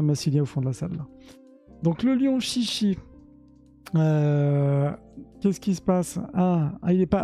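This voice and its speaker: A man's voice: on the high side, dark tone. A man talking casually on a live stream about Japanese art, hesitant with many fillers and restarts.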